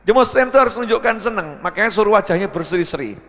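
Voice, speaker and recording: A man's voice: high voice, animated, rapid-fire, a bit bright. A male preacher giving a humorous sermon, acting out characters and asking his audience questions. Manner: acts out characters, jokes, asks the audience questions. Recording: long reverb of a hall.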